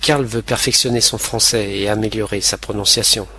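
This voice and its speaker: Guy reading a language lesson, lowish voice, slow and clear. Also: fairly even intonation, bright, forceful tone. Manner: slow, clear, carefully pronounced. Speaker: lesson narrator.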